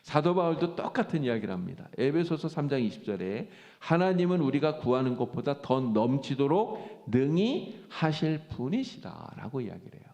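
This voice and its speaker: Man, pastor, sermon, lively pitch, long hall reverb. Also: normal speed, few pauses. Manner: animated preaching, acts out quoted speech. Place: church sanctuary.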